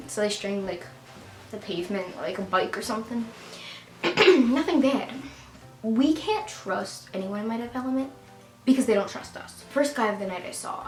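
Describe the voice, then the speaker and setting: A woman casually telling a storytime tale, animated and full of "like" fillers, getting loud when she gets excited. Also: medium pitch. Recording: roomy echo with faint music.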